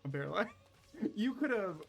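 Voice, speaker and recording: A high-voiced man streams a game in loose, casual chat. He is excitable and swears freely, with faint game music playing underneath. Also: normal speed, creaky. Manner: excitable, swears, laughs often. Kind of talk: casual live gameplay chat.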